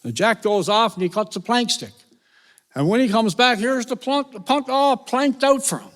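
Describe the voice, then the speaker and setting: A man with a Newfoundland accent telling a folk tale live at a concert, lively and folksy. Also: extremely high pitch, moderate pace. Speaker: storyteller. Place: concert venue, with audience. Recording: reverberant live concert hall.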